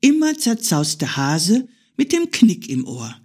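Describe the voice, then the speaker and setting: A woman reads a children's story aloud at an unhurried pace. Her voice is slightly husky and breathy, and it rises and falls a great deal as she tells the tale. The delivery is expressive and shaped for listening. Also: on the low side. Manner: slow, expressive storybook narration.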